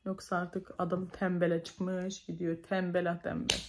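A young Turkish-accented woman speaks straight to her viewers in a casual vlog, retelling events in an emotional, breathless rush with repeated calls. Her voice sits fairly low for a woman. A faint hiss runs under the recording. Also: flat delivery, normal speed. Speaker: vlogger.

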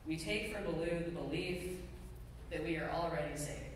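A middle-aged pastor delivers a sermon from the pulpit of a church sanctuary, speaking at medium pitch in a measured, deliberate way with pauses. The hall is very echoey, the mic is distant, and there's faint noise.

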